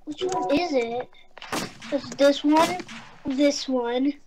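Slow, high female co-player, noisy recording. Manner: brief reactive replies. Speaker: co-player in a gaming video. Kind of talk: casual in-game chat.

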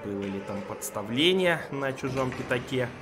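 A man's voice: mid-range voice, expressive, normal speed, a crowd in the background. A man giving live play-by-play ice hockey commentary in short, clipped phrases. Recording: noisy ice rink broadcast.

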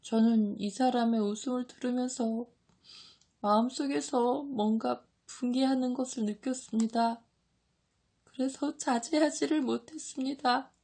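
A woman's voice: on the high side, fairly even intonation, measured pace, dark tone, voice pushed up. A woman reading an audiobook, voicing a young male disciple who pleads and trembles while crying. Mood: tearful.

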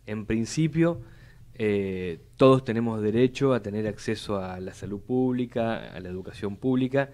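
Speaking into a boom-arm studio mic on live radio, this young Buenos Aires city legislator has a fairly low, slightly mellow voice at a moderate pace. His formal, measured policy talk repeats words often while he constructs long arguments.

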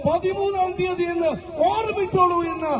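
A man's voice: very high-pitched, fairly even intonation, normal speed. A man giving a fiery, declamatory election rally speech outdoors. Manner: shouting slogans, declamatory. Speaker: political campaign speaker. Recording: crowd noise, noisy rally.

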